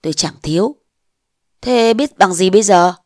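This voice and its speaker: A woman's voice: medium pitch, lively intonation, normal speed, darkish tone, no echo, studio quality, natural voice. A woman voicing a pompous, bullying old mandarin who scolds and blusters, in a storybook reading. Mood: blustering.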